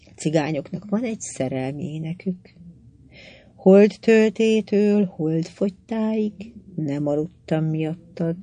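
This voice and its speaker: A bold, scheming Indian queen, as a woman reader puts her on in an audiobook, frank and passionate. She speaks higher and louder than the narration, with a lively sweep. Her voice stays lowish in its base. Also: no echo, lightly acted. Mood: pleading. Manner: passionate, teasing, then pleading. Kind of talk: audiobook reading.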